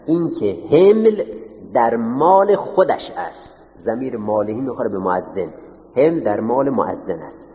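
A man's voice: mid-range voice, expressive. A man teaching a class in a lecture style, dictating notes and putting questions to his students, then answering them himself. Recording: roomy, echoing hall on dull lo-fi audio.

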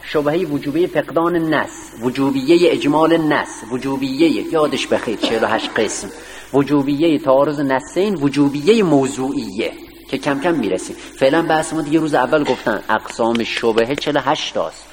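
Man lecturing in a reverberant hall. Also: mid-range voice. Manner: explains line by line, quizzes students with questions. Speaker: seminary teacher. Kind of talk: classroom lecture on a text. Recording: distant voice with long hall reverb, faint hiss.

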